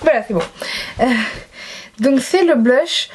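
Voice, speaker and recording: A woman vlogger chatting casually to camera at home about a makeup haul, gushing about products and often pausing with hesitant fillers. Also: high voice, lively intonation, a little mellow, husky. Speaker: beauty vlogger.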